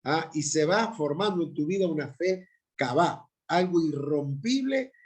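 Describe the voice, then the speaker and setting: A man's voice: fairly high pitch, expressive, measured pace. A middle-aged man with an Argentine accent, a pastor teaching a Bible class in an emphatic way, often checking in with his listeners through tag questions. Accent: Argentine Spanish. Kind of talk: Bible institute lecture.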